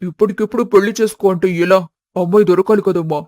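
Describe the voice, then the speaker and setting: A woman's voice: mid-range voice, fairly even intonation, fast talker, darkish tone, dry recording, clean studio sound, voice pushed down, natural voice. A woman voicing an easily riled grown-up eldest son in a storybook tale. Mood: exasperated. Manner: exasperated, argumentative. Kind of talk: storybook voice acting.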